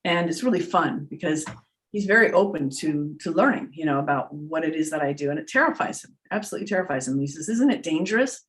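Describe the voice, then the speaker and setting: Speaking fast in a low voice, a middle-aged woman who works as a trance medium fields questions in an unscripted spiritual Q&A talk. Her answers are earnest and reflective, with words repeated for emphasis, and the recording quality is low.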